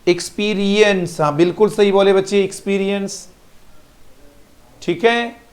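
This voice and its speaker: A man's voice: high voice, fairly even intonation, a little slow. A man teaching English pronunciation in a live online class with an Indian English accent, repeating each word and praising students by name.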